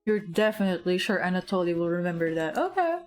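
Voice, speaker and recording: A woman's voice: very animated, fast talker, a little mellow, faint music behind. Chatty woman streamer rambling through asides. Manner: chatty, rambling asides, sudden high squeaks of surprise. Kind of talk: casual game commentary while reading dialogue aloud. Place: home streaming setup.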